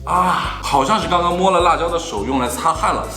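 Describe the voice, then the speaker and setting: A man's voice: on the high side, fairly quick, sharp tone. A man vlogging casually, gasping and groaning as his mouth burns from spicy food. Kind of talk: casual video narration to viewers. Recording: roomy sound with music behind.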